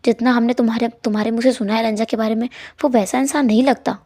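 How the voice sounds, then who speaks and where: Woman doing a soft, caring older sister. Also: fairly high pitch, steady tone, fast talker. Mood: soothing. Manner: soft, comforting.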